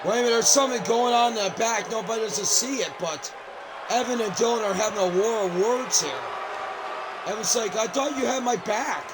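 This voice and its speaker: A man calls the wrestling action as an excitable play-by-play commentator, his voice high and full of exclamations. A loud arena crowd and steady game noise sit under him. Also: fairly quick.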